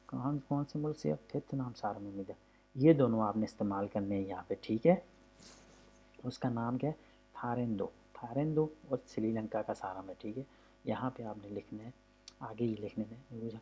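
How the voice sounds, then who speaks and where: A man's voice: medium pitch, warm tone. A man teaching a language lesson from a textbook, explaining patiently and repeating himself, drawing out vowel sounds to demonstrate them. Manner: patient, repetitive, often says "okay" between points.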